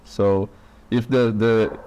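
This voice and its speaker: A man's voice: lowish voice, steady tone, takes it slowly, mellow, lo-fi sound, a little hiss or hum. A man guesting on a tech podcast, brief and laconic with dry sarcastic humor. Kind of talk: casual tech chat.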